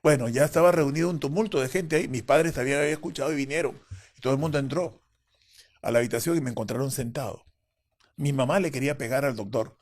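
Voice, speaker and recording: A man's voice: mid-range voice, quick pace, darkish tone. A man as an interview guest, telling a personal story vividly and acting out the voices of others.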